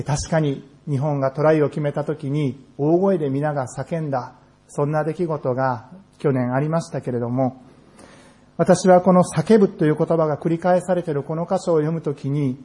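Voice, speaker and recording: A man preaching a sermon in a church, earnest and measured, slowing down on key phrases. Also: fairly high pitch, mellow. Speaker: pastor. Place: church sanctuary.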